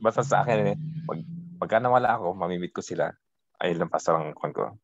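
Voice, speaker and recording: A man, also a pastor, answering a question in an online Bible study, hesitant and filling pauses. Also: deep voice, no echo, muffled recording. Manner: hesitant, many fillers. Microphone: video call.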